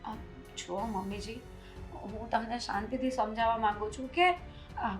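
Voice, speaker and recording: A woman's voice: a little high, steady tone, a little slow, soft background music, lightly acted. A woman playing a meek, hesitant daughter-in-law. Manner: hesitant, soft, placating. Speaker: actor in a short film. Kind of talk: family drama acting.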